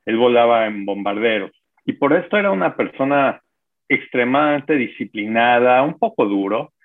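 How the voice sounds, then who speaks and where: A man in his sixties with a Mexican accent, a guest calmly telling his life story in an interview. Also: medium pitch. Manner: unhurried, reflective storytelling with pauses. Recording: phone-like narrow audio with music.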